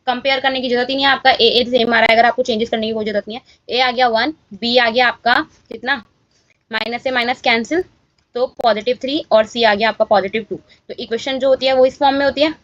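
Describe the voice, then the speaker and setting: High-voiced woman teaching maths step by step. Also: fairly bright tone, dry recording, highs cut off. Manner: talks students through each step with repeated check-in questions. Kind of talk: exam-solution walkthrough lesson.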